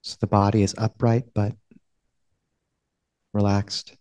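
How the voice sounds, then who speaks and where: A male meditation teacher guides a session, speaking gently and without hurry, leaving long pauses. His voice is lowish and his delivery flat, with no echo in the recording.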